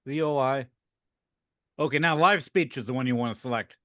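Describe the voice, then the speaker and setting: A man's voice: mid-range voice, normal speed, pushed and bright, no room sound, studio quality. A man at an online meetup, patiently talking someone through settings step by step. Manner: patient, methodical. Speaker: meetup participant. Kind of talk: giving step-by-step directions.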